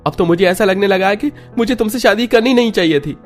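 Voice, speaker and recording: A man doing a stern young husband in a high voice. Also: lively intonation, normal speed, darkish tone, faint music behind. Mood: angry. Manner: lecturing, raised high voice.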